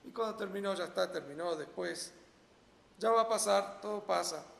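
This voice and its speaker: A man's voice: high voice, normal speed, gravelly, fairly bright tone, echoey room, long reverb tail. A man with a Rioplatense accent teaching a Torah lesson, asking rhetorical questions and then answering them emphatically. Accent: Rioplatense Spanish. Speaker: religious teacher. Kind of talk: Torah lesson to a small audience.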